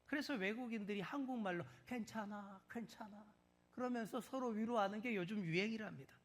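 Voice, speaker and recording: A male pastor preaching a sermon to his congregation. He asks them questions and swings from loud stresses to hushed whispers. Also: sits high, fast talker. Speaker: senior pastor.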